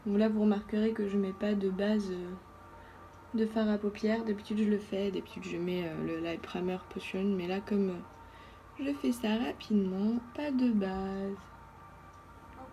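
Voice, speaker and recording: A woman's voice: mid-range voice, fairly even intonation, measured pace, warm tone, slight background noise. A woman giving a casual makeup tutorial as a beauty vlogger, chatty and thinking aloud with lots of fillers.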